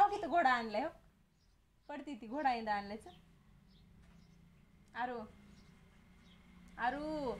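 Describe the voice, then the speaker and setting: A woman's voice: high-pitched, noisy background. A woman filming at home, chatting with a small child and coaxing her with repeated questions. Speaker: family member filming a toddler. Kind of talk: casual chat with a small child.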